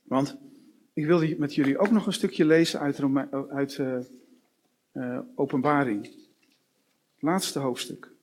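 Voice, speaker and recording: A man's voice: mid-range voice, steady tone, darkish tone. A man preaching a sermon, working through long runs of short rhetorical questions. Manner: slow, with repeated rhetorical questions.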